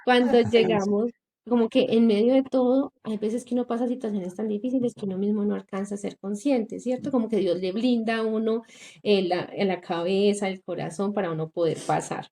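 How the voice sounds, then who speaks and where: A young Colombian woman with a mid-range, warm voice talks fairly quickly in a steady tone. As a podcast guest, she earnestly recounts a painful personal testimony, acting out the voices of people she met. Her telling is full of quoted dialogue and fillers.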